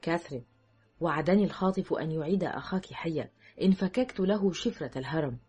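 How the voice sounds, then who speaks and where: A woman narrator reading the lines of a calm man who gently reassures a frightened companion. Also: sits low, brisk, slightly rough, muffled recording, faint music behind. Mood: gentle.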